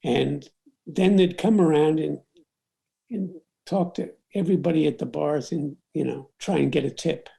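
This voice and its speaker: An older man, a photographer, telling stories from his career in an unhurried interview, with many fillers and restarts. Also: a little high, vocal fry, mellow. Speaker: documentary photographer. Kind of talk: reflective storytelling interview.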